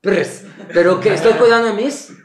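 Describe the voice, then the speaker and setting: A man's voice: on the high side, expressive, moderate pace, a crowd in the background. A man, explaining things as a guest expert in an interview, emphatic and blunt, like a teacher. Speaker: guest expert on the Bible and sexuality. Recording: echoey room.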